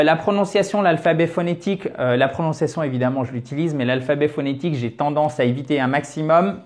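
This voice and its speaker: Patient male English teacher, fairly high voice. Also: darkish tone. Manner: patient, explanatory, repeats words to demonstrate. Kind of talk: video lesson, explaining at a board.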